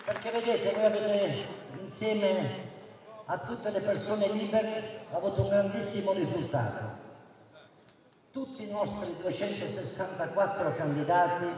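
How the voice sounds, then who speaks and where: A man giving a booming, declamatory political rally speech as a mayoral candidate through a public-address system in an outdoor square. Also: a little mellow. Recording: echoey distant PA with crowd, faint noise.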